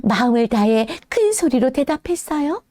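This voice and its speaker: A woman as a children's church teacher, telling a Bible story to toddlers in a gentle, animated way. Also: high voice, moderate pace, dry recording.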